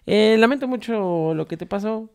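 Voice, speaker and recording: A man with a Mexican accent co-hosting a casual comedic chat, teasing his friend and quick to laugh. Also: high-pitched, smooth. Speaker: podcast co-host.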